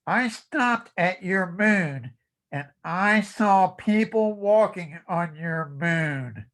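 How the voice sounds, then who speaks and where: A performer speaking as an ancient, wisecracking alien tourist visiting Earth, giving a deadpan comic speech in a costume contest. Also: medium pitch.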